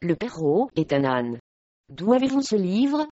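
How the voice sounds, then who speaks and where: A woman's voice: fairly low pitch, sing-song, measured pace, mellow, dry recording. A woman reading the part of a stern, angry medieval lord who questions his wife harshly, in a slightly dull recording.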